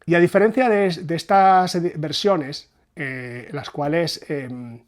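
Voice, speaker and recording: A man from talks through poetic meter, pausing and restarting as he thinks. His voice sits a bit higher than most men's. It sounds like an unscripted explanation from a translation reviewer. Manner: thoughtful, hesitant, often restarts phrases.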